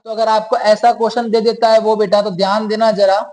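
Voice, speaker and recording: The teacher here is a man with a high-pitched, slightly mellow voice, little pitch movement, and a somewhat fast delivery. He explains rules patiently in a classroom lesson, often confirming students are following, asking questions, and calling them "beta."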